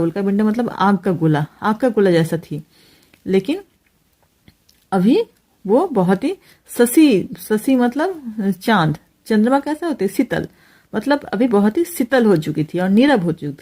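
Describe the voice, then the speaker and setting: A woman teacher explaining a Hindi poem line by line, pausing often with fillers. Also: mid-range voice, mellow. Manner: hesitant, many fillers, explains each phrase.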